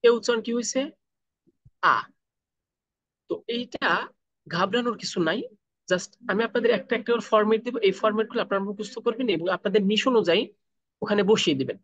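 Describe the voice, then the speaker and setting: A man leads an online training class, asking his students questions and then answering them himself. He slows right down for deliberate English phrases. His voice comes through dull, dry call audio. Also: high-pitched, dry recording. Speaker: freelancing trainer. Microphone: video call.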